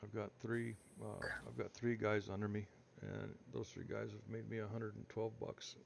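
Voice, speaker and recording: A man's voice: fairly low pitch, little pitch movement, normal speed, gravelly, a little hiss or hum. A man joining a casual group call, his voice muffled as if heard through a wall, making dry teasing remarks.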